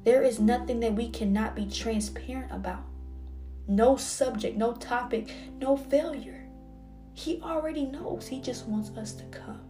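A woman in her twenties hosting a podcast, preaching with passion and dropping now and then into soft whispers. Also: on the high side, a little slow. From Texas. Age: 20s. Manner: impassioned, swings between soft whispers and fervent outbursts. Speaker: podcast host. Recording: music playing underneath.

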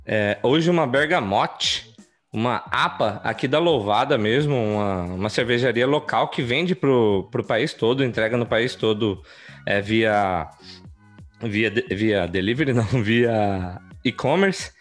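Male co-host, mid pitch, relaxed and chatty, faint music under. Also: measured pace. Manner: relaxed, explanatory, stumbling restarts. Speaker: podcast co-host. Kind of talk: casual chat.

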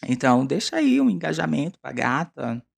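A Brazilian man with a hoarse smoker's rasp, hosting a solo podcast in a casual, rambling, self-deprecating, confessional way. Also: fairly high pitch, sing-song, moderate pace. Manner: self-deprecating, chatty, digressive.

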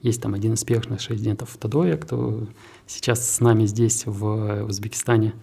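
A man with a low, gravelly, husky voice of dark timbre answers interview questions. He heads a tech park and speaks in a measured, businesslike way, sometimes restarting his phrases. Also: fairly even intonation.

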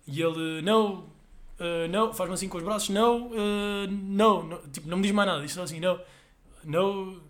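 A young man with a European Portuguese accent, a padel player chatting as a guest and telling stories in a lively way, quick to laugh. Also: high-pitched. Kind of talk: casual podcast chat.

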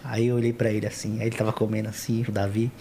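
A man's voice: lowish voice, flat delivery, racing, mellow, slight background noise. A man, the guest's father, telling rambling stories in a casual podcast chat and repeating his phrases.

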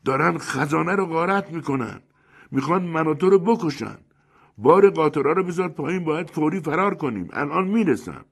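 Man doing a panicky king yelling, pitched way up, husky, audiobook. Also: animated, few pauses. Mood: panicked. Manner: shouting in alarm. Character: panicked fleeing native king, a grown man.

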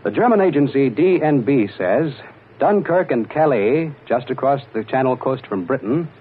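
A man reading a formal wartime news bulletin in a measured announcer's delivery, heard as an old 1940s radio broadcast played from the archive. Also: mid-range voice, animated, husky. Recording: tinny narrow-band archival radio recording.

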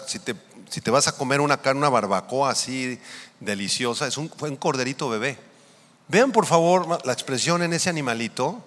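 A male pastor preaching a sermon, swinging between raised and hushed lines as he questions the congregation. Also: fairly high pitch. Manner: preaching with sweeping rises and drops, questioning the congregation. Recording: long hall reverb.

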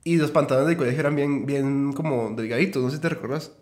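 Young male co-host, quick rambling storyteller, crude and laughing, roomy echo. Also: medium pitch, fairly even intonation, a little mellow. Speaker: podcast co-host. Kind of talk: casual storytelling chat.

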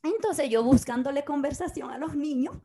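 A Dominican woman in her thirties co-hosts a casual podcast, speaking at a moderate pace in a high voice over a noisy background. She is an animated storyteller who acts out what people said in the course of easygoing conversation.

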